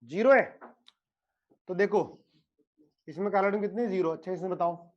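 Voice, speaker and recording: High-pitched teasing male chemistry teacher. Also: normal speed, highs cut off. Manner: joking, teasing students by name; explains with playful analogies. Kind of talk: online lecture.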